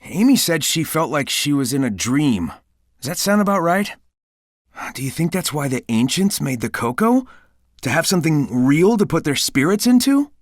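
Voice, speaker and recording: A cocky, good-hearted young hedgehog hero from a video game. The voice is youthful and slightly high, with lively swings in pitch. It is dry and close, and the delivery is casual, breezy and confident. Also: male voice, moderate pace, no room sound. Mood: earnest, supportive. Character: cocky, upbeat, caring young male cartoon hedgehog hero. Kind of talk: video game character dialogue.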